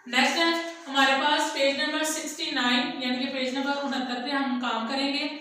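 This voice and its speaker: Echoey high-voiced Pakistani woman teacher. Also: level tone, bright, forceful tone, slight background noise. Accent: Pakistani Urdu. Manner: slow, dictating word by word. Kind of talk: online school lesson. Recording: echoey room, voice from a distance.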